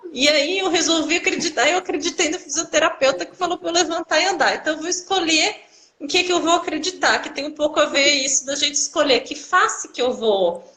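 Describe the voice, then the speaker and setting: A woman chatting on a live video call, telling personal stories in an animated way and acting out the people in them. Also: high voice, low-quality recording. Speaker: co-host of a live video conversation. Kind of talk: casual live conversation, personal storytelling.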